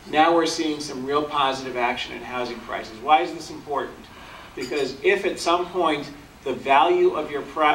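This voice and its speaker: A man's voice: on the high side, fairly bright tone, a little hiss or hum. A middle-aged man giving a business presentation on the economy from a podium, explaining charts in a plain way with frequent ums. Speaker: bank economist speaker. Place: large function hall at a podium. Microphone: podium mic, filmed from the audience. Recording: echoey hall, distant from the camera.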